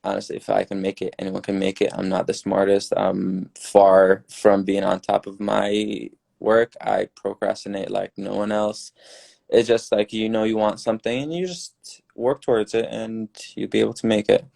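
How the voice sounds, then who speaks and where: Gravelly low-voiced young man from Syria. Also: moderate pace. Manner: earnest, relaxed, advice-giving. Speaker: newly graduated dentist guest. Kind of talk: casual podcast chat.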